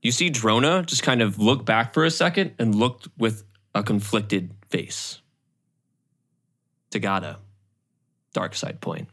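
A game master narrating a tabletop game in a casual, quick way with many fillers. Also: medium pitch, a bit bright.

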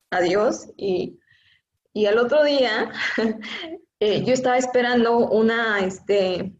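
A woman with a Mexican accent gives an earnest, emotional personal testimony as an interview guest, talking with many fillers. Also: a little high. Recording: echoey, dull lo-fi room sound.

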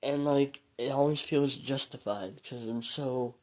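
A young man in his late teens rambling through a solo podcast, hesitant and full of ums, sounding weary and low, recorded on a phone. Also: a little slow, darkish tone. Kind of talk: rambling casual monologue.

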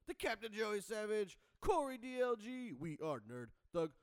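A man playing a bombastic ringmaster-style announcer, hyping a late-night radio show with drawn-out showmanship. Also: high-pitched, sing-song, smooth, pitched above the performer's own voice. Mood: grand hype. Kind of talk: hyped show introduction.

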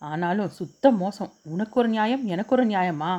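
A man's voice: high voice, animated, moderate pace, a little mellow, lo-fi sound. A woman reading a teasing young lover. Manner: teasing, coaxing.

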